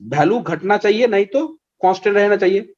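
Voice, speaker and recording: A man teaching an online maths class, slowly quizzing his students with patient questions. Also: high-pitched, a little mellow, lo-fi sound.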